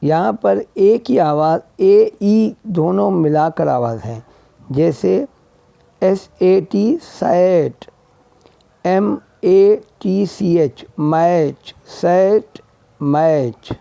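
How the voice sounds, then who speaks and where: A man's voice: sits high, extremely slow, creaky, warm tone, no echo. A man teaching English vowel sounds, spelling each word letter by letter and repeating it. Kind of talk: slow spelled-out phonetics lesson. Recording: dull lo-fi sound.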